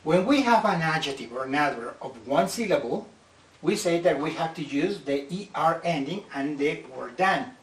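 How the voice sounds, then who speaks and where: English teacher, roomy distant sound. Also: male voice, on the high side, animated. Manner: slow, careful explanations, stretching out example words. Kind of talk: slide-based grammar lesson.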